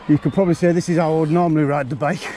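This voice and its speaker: A man's voice: on the high side, fairly even intonation, very fast, warm tone, a little hiss or hum. A man, a bit out of breath, chatting bluntly to camera while riding an e-bike up a forest trail. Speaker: mountain biking vlogger.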